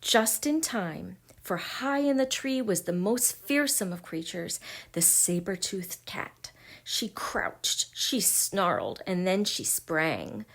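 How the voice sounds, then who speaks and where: A woman reading a children's picture book aloud, gentle and expressive, sometimes dropping to a hush. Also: lowish voice, takes it slowly, vocal fry. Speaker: storybook reader.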